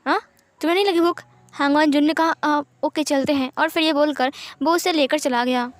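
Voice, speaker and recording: Woman storyteller, high voice, gentle and unhurried, voices all characters herself. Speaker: fanfiction narrator. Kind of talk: storytelling narration with character dialogue.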